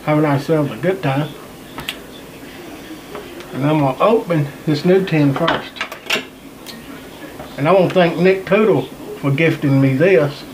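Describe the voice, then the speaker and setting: A man's voice: a little high, a little slow, pauses often. Folksy man talking around a pipe. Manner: folksy, drawling, repeats himself. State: pipe in mouth. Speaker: pipe tobacco reviewer. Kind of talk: casual vlog chat. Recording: noisy home recording.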